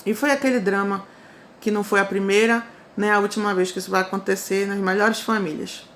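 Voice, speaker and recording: A woman with a Brazilian Portuguese accent telling her own life story in a casual, animated way, often repeating phrases for emphasis. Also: mid-range voice, brisk, slight background noise. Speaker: testimony storyteller.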